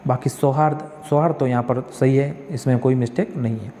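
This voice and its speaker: Flat-voiced male tutor, reverberant room. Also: mid-range voice, a little fast, slight background noise. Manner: reads each question, then corrects spellings step by step; asks himself questions and answers them. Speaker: exam prep tutor. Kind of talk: explaining practice questions.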